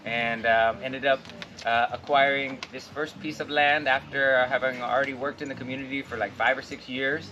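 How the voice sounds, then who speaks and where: A cacao farm owner originally from Portland, Oregon, shows visitors around his farm outdoors while recounting his life story. He speaks at a moderate pace in a mid-range voice, relaxed, rambling and full of fillers. The audio is dull, with slight background noise.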